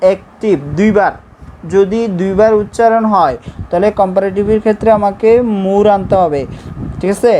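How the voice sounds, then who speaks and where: Patient Bangladeshi woman teaching grammar, dark voice. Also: medium pitch, steady tone, normal speed, rough recording. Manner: patient, repeats points, checks in with "okay?". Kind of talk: explaining a lesson while writing on a board. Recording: faint background noise.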